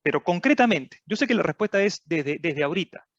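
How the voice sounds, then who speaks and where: Halting man host, dull dry sound. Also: sits high, expressive, fairly bright tone, dry recording. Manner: halting, many fillers and repeated words, rhetorical questions. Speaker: podcast host. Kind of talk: podcast interview.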